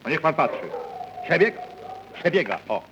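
A man's voice: a little high, big pitch swings, moderate pace. An actor in a 1938 radio drama, playing a dry, skeptical man, heard on an old, worn archival tape. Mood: wry. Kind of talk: 1930s radio drama acting. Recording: scratchy, dull, hissy 1938 radio recording.

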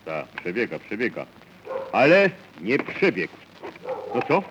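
A man's voice: fairly low pitch, unhurried. An actor in a 1938 radio drama, playing an eager man urging the commissioner on as they follow a dog. He is heard on an old, worn archival tape. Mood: urgent. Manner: urgent, animated, exclamatory. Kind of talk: 1930s radio drama acting. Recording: scratchy, dull, hissy 1938 radio recording.

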